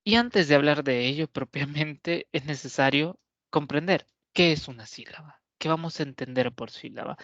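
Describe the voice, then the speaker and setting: A man's voice: on the high side, a bit bright, no echo. A man giving a pre-recorded lecture as a teacher, explaining step by step and often checking in with his students. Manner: measured, explanatory, frequent "¿verdad?" check-ins. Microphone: laptop or webcam mic, camera switched off. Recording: dry, dull lo-fi recording.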